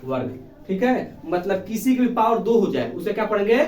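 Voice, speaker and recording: A man's voice: high voice, very animated, moderate pace, darkish tone, far from the mic. A man teaching a basic math lesson to children, asking questions and answering them himself in a patient, repetitive way. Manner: calls pupils "babu", affectionate. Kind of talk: classroom lesson. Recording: echoey room, voice from off the mic.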